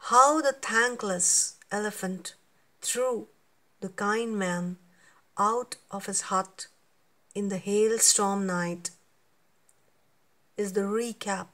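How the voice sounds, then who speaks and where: A woman teacher reading a story aloud for an English lesson, deliberate and explanatory. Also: medium pitch, fairly even intonation, fairly bright tone.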